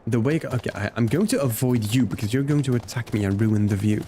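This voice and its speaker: This game streamer's voice sits in the mid range, with a dark tone and a quick delivery. He keeps up relaxed livestream banter, responding aloud to gameplay and viewers over game music and a little background noise.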